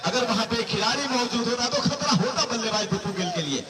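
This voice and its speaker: A man giving excited, animated cricket commentary over an outdoor public address, with flowery, drawn-out play-by-play calls. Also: very high voice. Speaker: cricket match commentator and announcer. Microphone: public address microphone. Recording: echoey PA, distant, noisy outdoor crowd.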